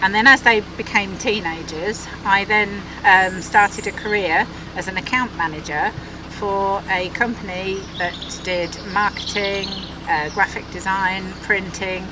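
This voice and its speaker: On a moving narrowboat, a middle-aged Essex woman co-hosting a vlog chats and laughs easily while reading out viewer questions in her Essex accent. Her voice is medium-pitched and measured, and boat and traffic noise can be heard outdoors.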